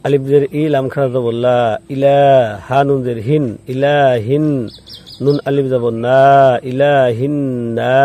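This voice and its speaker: A man with a medium-pitched, mellow voice teaches Quran recitation step by step. He spells out every letter and vowel mark, then slowly chants the word and patiently goes over the rules again.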